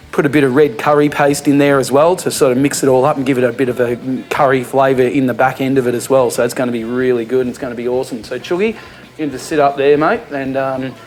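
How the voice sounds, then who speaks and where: An Australian man hosting a comic home cooking show in a laid-back, slangy way, full of fillers, in a kitchen. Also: medium pitch.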